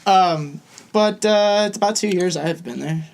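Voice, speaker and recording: A young man co-hosting a podcast in casual chat, an animated storyteller who acts out the voices of people he quotes. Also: high voice, a little slow, gravelly, slight background noise. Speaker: podcast co-host.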